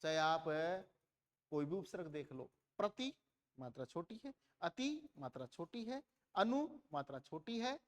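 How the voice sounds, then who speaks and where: A man's voice: fairly high pitch, big pitch swings, measured pace. A man teaching a grammar lesson in a classroom, asking questions and answering them himself, and repeating words to compare how they sound. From India. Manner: repeats words to contrast vowel lengths.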